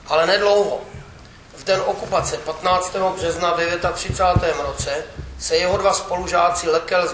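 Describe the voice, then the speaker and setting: A man reading a memoir aloud with steady, wry storytelling. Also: on the high side. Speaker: reader. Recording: echoey room with faint background noise.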